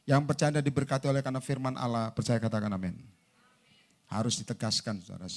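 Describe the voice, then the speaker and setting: A man preaching a sermon to a congregation. He acts out both sides of conversations and swings from loud to soft. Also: medium pitch, little pitch movement, quick pace. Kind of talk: lively sermon. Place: large indoor church hall.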